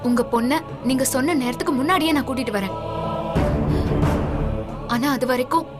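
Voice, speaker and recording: A woman's voice: sits high, normal speed, loud music behind the voice, natural voice. An actress playing a determined young woman who firmly reassures a frightened relative in a TV serial. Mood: resolute. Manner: firm, reassuring. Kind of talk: TV serial acting.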